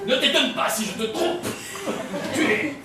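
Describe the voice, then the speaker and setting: An improv actor dubbing a pompous, blustering oil baron husband who stammers in outrage, on a theater stage. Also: male voice, extremely high pitch, lively intonation, measured pace. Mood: outraged. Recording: echoey stage heard from far off, with audience noise.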